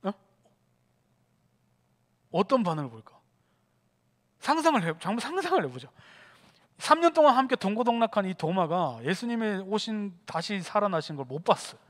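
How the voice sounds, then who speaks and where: A youth pastor giving a sermon in a church sanctuary, lively and conversational, acting out scenes as he talks. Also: high-pitched, moderate pace, long pauses. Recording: long church hall reverb.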